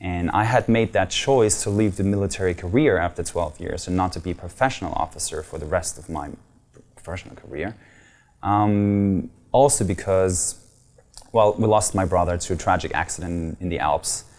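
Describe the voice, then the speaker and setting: A deep, darkish male voice comes from a German man in his thirties with a German accent. As a guest in a casual interview, he talks earnestly, with some hesitant fillers.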